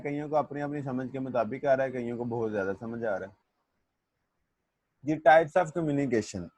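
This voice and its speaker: A male teacher lectures his class at an unhurried, deliberate pace, reading out English definitions and then explaining them. He calls his students "beta" like a father and often checks that they have followed. His voice sounds dry and close, with little room sound. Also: a little high, a little mellow, no room sound. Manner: asks students if they understood.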